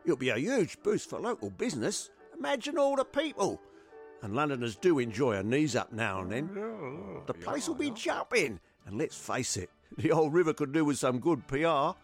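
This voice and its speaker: A man's voice: a little high, very animated, moderate pace, soft background music. A man voicing a jovial, persuasive male councillor who talks up business. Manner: chummy, persuasive.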